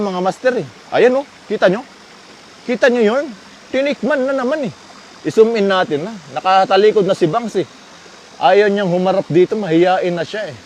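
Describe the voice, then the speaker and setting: A man with a high voice gives chatty live commentary while fishing outdoors. He is playful and laughs easily, and bursts into excited shouts when a fish bites. A faint hiss of stream and passing vehicles sits behind him. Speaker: fishing livestreamer.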